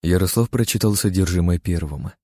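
Deep-voiced male audiobook narrator. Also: brisk, darkish tone, no echo, studio quality. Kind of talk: first-person fiction narration.

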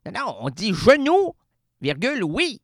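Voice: measured pace, no room sound, clean studio sound. A radio columnist with a Québécois accent delivering an absurd comic monologue, rambling, stopping mid-word and playing with words. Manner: rambling, self-interrupting, playing with words and sounds; swings between high excited bursts and low murmurs.

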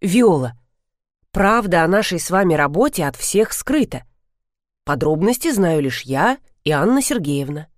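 A woman's voice: on the low side, very animated, measured pace, no room sound, studio quality. A woman reading an audiobook, voicing a composed, firm and polite grown man. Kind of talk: audiobook character voice.

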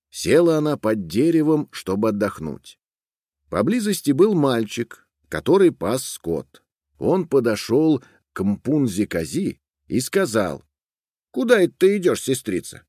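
A man narrating a folk tale aloud with expressive storytelling. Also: fairly low pitch, measured pace, breathy edge, dry recording, studio quality.

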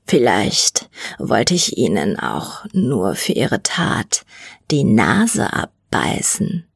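A rattling, wheezy male mutant drawls low and slow, hissing his mocking threats as a woman reading a storybook puts him on. The voice sits deep below her own, dropping almost to a whisper. The room around it is dry and close. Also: huge pitch swings, vocal fry, breathy edge, dry recording, heavily acted. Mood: menacing. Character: hunched rasping male mutant, menacing and mocking.

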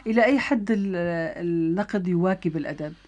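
A woman's voice: lowish voice, quick pace, darkish tone. A woman with a Syrian Arabic accent, asking questions as an interviewer.

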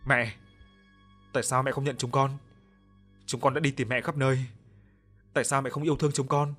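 A man voicing a pleading, vengeful ghost boy in an audio ghost story, wailing loudly. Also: mid-range voice, flat delivery, moderate pace, soft background music, natural voice. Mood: bitter. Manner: wailing, heightened and loud.

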